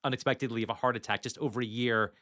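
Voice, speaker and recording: Bright-voiced chatty male podcast host. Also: medium pitch, steady tone, very fast. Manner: chatty, reads trivia off notes, casual swearing. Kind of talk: casual movie podcast chat.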